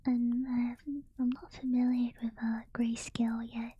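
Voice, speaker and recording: A sleepy woman whispering softly as she chats with her stream and reads a book aloud. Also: on the high side, little pitch movement, moderate pace, breathy edge, dry recording, muffled recording. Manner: soft unvoiced whisper throughout. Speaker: livestream host. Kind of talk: whispered casual stream chat and reading aloud.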